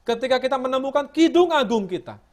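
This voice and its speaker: A man's voice: extremely high pitch, animated, fast. A middle-aged man giving sermon-style Bible teaching over a video call, emphatic, asking his listeners rhetorical questions.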